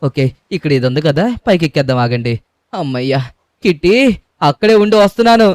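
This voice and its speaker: A young man hosting a gaming channel, narrating in character with lively drama. His voice sits a little high and sounds smooth and clear. The recording is dry and close. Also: fast talker, dry recording. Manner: excitable, dramatic shouting and groaning. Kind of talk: game voiceover commentary in character.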